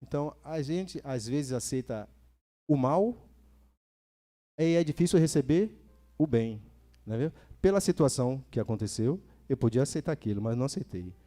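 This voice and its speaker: A Brazilian man preaches a lively sermon in a church, repeating phrases for emphasis and putting questions to the congregation. His voice is medium-pitched and he speaks at a normal speed.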